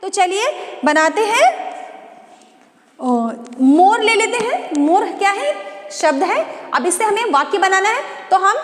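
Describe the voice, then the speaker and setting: Woman, children's teacher, drawn-out syllables, high voice, echoey reverberant room. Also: sing-song. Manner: sing-song teacherly questions, drawn-out syllables. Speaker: primary school Hindi teacher. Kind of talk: slow classroom lesson, spelling out words.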